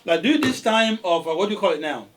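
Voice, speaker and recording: A man's voice: high-pitched, fast, distant mic, a little hiss or hum. A man with an African accent hosting a casual radio talk show, who exclaims often and reads out the call-in number. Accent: African English. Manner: animated, exclaims in surprise, taking calls.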